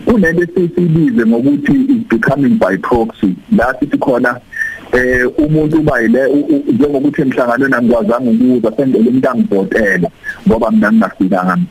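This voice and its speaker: A man's voice: medium pitch, sing-song, fast, vocal fry, husky, low-quality recording. A man with a Zulu accent explaining things as a guest giving advice on a radio talk show.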